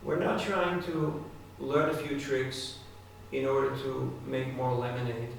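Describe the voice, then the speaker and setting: This devotional talk comes from a male spiritual speaker addressing a live crowd, chatting with them and asking them questions outright. He has a gravelly, medium-pitched voice, a steady tone, and a slightly slow delivery. The recording has the echo of a hall, a far-off microphone, and a little background noise.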